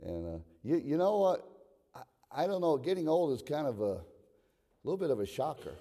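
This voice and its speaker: Preaching to a congregation in a big room full of echo, a sixties-aged man speaks at moderate pace in a mellow, slightly high voice that's very animated. He alternates between casual conversation and forceful exhortation, driving points home by repeating phrases.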